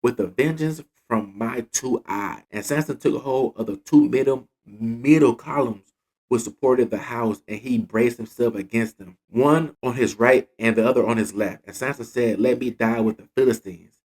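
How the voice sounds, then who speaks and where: A man casually retelling Bible stories and reading scripture, with slang asides and lively delivery. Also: mid-range voice, moderate pace. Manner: animated retelling in slang, acting out quotes. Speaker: Bible teacher.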